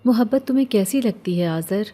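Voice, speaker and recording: A lonely young orphan girl, played by a woman reading a horror storybook, soft and plaintive in every line. Her voice sits mellow and warm, at an ordinary woman's pitch. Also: animated, natural voice. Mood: wistful.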